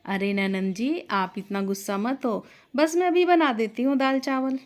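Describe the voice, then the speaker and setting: A woman voicing a meek, patient young daughter-in-law who answers softly and apologetically. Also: a little high, a little slow, close to an everyday voice. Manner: soft, apologetic.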